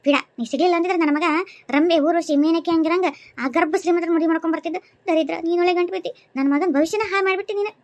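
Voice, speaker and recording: Nagging old cartoon mother-in-law, north karnataka accent, high and fast, dry. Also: fairly even intonation, darkish tone, dry recording. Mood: scolding. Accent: North Karnataka Kannada. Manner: scolding, cursing, wailing. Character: shrill scolding old mother-in-law, bitter and wailing.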